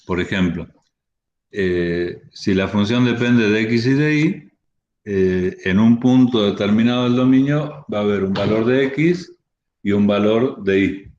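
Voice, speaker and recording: A man's voice: on the low side, a little slow, darkish tone, highs cut off. A man giving an online university math lecture, explaining step by step with frequent restarts and fillers.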